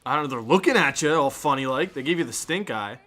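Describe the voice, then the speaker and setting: Fast, lively joking man. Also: medium pitch. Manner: joking, animated reactions. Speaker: gameplay co-host. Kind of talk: casual gameplay chat.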